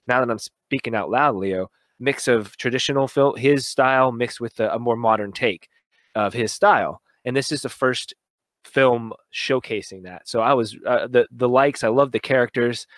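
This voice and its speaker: A man co-hosting a casual movie review, talking in an excited, rambling way and often correcting himself. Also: medium pitch, moderate pace, dry recording. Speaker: film review co-host.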